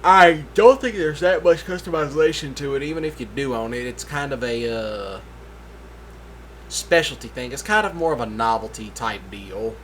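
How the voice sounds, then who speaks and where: A man's voice: mid-range voice, normal speed, fairly bright tone, slight background noise. Tired, rambling man doing game commentary. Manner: rambling, laid-back, yawning. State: tired late at night. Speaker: gaming video host. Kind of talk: casual voice-over commentary.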